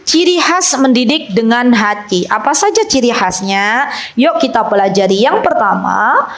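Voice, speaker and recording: A woman preacher with a fairly high voice speaks with an East Javanese Indonesian accent. She gives a sermon to mothers and moves gently between telling the story and playing out small dialogues. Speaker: Islamic preacher. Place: school hall talk.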